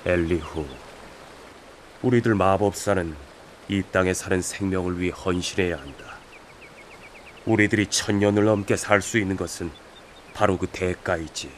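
A man's voice: low-pitched, moderate pace, pauses often, slight background noise, lightly acted. A man playing a stern, ancient wizard master in a radio drama, solemnly admonishing his pupil.

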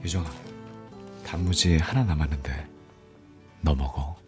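An actor playing an affectionate young student on army leave in a radio drama, talking in a casual, tender way. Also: male voice, on the low side, very animated, normal speed, soft background music.

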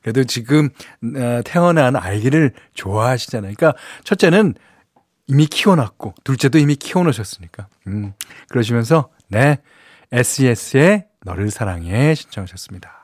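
Male radio host, mid-pitched, conversational patter, studio mic. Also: lively intonation, normal speed, a little mellow, no echo. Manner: chatty and conversational, with frequent affirming asides. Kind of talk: radio show chat reading listener messages. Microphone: studio microphone, close and dry.

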